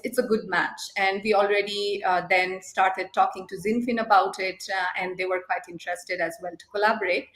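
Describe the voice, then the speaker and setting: A young woman from Nepal answers questions as a guest in an online interview. She explains at length, pausing on fillers as she thinks, and sits at a mid pitch. Her voice carries a noticeable room echo. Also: a bit bright. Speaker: guest, startup co-founder.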